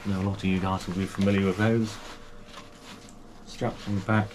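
A British man with a deep voice and little pitch movement casually unboxes and reviews gear for his kayaking channel at a moderate pace. Speaking from a small home room, he's chatty and full of fillers and restarts, with background noise present.

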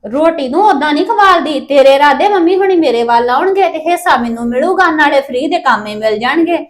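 A woman with a Punjabi accent and a very high voice plays a sister-in-law. She taunts and accuses, with sharp jabs at her rival. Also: lively intonation, brisk. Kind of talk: scripted family drama acting.

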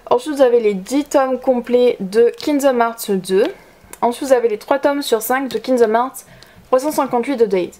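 A woman's voice: a little high, moderate pace, dark tone. A young woman casually narrating a tour of her manga shelves, chatty and often hesitating. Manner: chatty, hesitant with frequent fillers. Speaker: manga collection vlogger.

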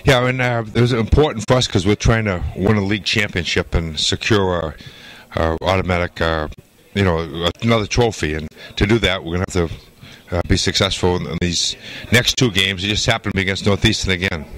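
Older male coach, low-pitched, measured and halting post-game answers, handheld interview mic. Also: fairly bright tone, low-quality recording. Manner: measured, halting with many "uh" fillers. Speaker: hockey coach. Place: indoor arena interview backdrop. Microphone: handheld mic held by interviewer.

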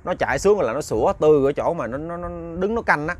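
A man's voice: a little high, expressive, fast talker. A man with a Southern Vietnamese accent telling a ghost story, chatty and talking straight to his listeners. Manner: chatty, addresses listeners directly.

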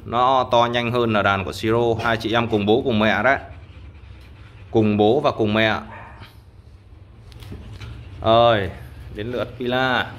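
Filmed on a handheld phone behind the camera in a tiled room at home, this clip has clear background noise. A man with a lowish, fairly bright voice talks casually with his dogs and viewers, coaxing the pets and giving short commands as a dog owner and vlogger.

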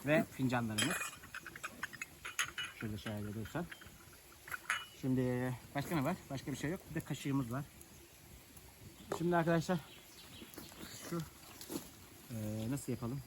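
A man's voice: medium pitch, unhurried, long pauses, background noise. A man vlogging outdoors in the countryside, chatting and joking with viewers while he lights a fire. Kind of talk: casual chat to camera. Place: outdoors in rural nature.

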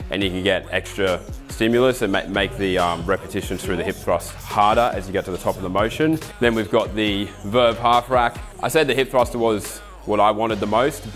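A man in his thirties with an Australian accent, giving a relaxed, enthusiastic walkthrough of his garage home gym. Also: on the low side. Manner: relaxed, enthusiastic, explains with asides. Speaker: fitness ambassador giving a gym tour. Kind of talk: casual walkthrough to camera. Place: home garage gym with roller door, indoors.

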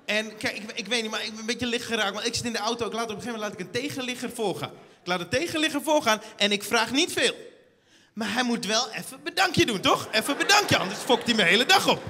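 Male stand-up comic, animated storyteller, bright and forceful, on a theater stage with long reverb. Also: very high voice, fast. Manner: animated storytelling, acts out scenes. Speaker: stand-up comedian. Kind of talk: stand-up comedy routine.

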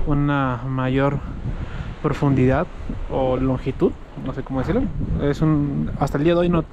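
A man's voice: mid-range voice, dull audio. A man giving casual travel vlog commentary on the road, chatty and loose, with lots of "este" and "eh" fillers. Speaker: travel vlogger. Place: outdoors and on the road while traveling. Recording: noisy outdoor recording.

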